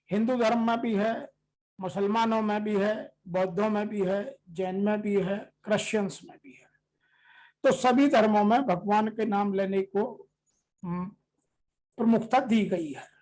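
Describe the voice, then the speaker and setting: A scripture teacher, reading verses slowly and then explaining them in a steady, measured commentary. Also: mid-range voice, rough recording.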